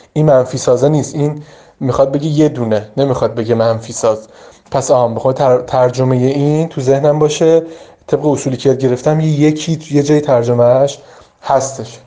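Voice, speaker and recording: Mellow-voiced man teaching English vocabulary. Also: mid-range voice. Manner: explanatory, informal, with frequent fillers. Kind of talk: vocabulary study advice lesson.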